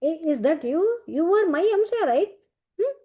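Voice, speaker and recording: A woman's voice: very high voice, very animated, mellow, voice pushed up. A woman voicing Varaha, a male divine boar lord, who fires worried questions at a wounded companion. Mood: worried, questioning. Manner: pressing rapid questions.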